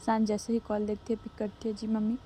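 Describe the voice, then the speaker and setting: Woman storyteller, casual narration, mellow dark tone, faint background noise. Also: medium pitch, completely flat delivery, quick pace. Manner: conversational, mixing English words into Hindi.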